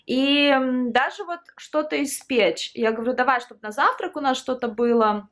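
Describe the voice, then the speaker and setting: A woman in her thirties films a casual home vlog indoors, rambling from one topic to the next and laughing often. She has a high voice and speaks at a moderate pace.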